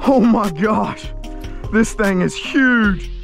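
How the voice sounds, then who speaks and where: A man in his thirties talks excitedly while fighting fish from a kayak, exclaiming over and over. His voice sits a little high and carries outdoors on an action camera. Faint music plays underneath. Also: slow pace, gravelly. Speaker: fishing video host. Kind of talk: excited fishing vlog commentary. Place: kayak on open water outdoors.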